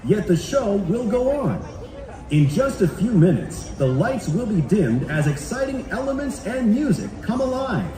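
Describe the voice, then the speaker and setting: A man giving a formal, courteous park announcement over a public loudspeaker. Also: sits high. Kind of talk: prerecorded public address announcement. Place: outdoor theme park crowd. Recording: echoey loudspeaker with loud crowd.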